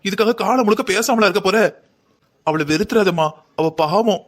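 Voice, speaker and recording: A man's voice: high voice, normal speed. A man voicing a placating young daughter. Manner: placating, gentle pleading. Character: young married daughter, soft, apologetic, placating. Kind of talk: cartoon story voice acting.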